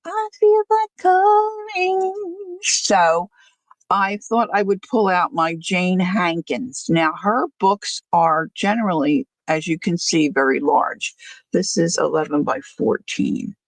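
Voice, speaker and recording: An older woman talks at an unhurried pace in a gravelly, creaky voice. Her speech is a little slurred, as it is with no front teeth in. She rambles casually from one aside to the next, like a host chatting to her livestream. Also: lowish voice, no echo, low-quality recording. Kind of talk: casual chat.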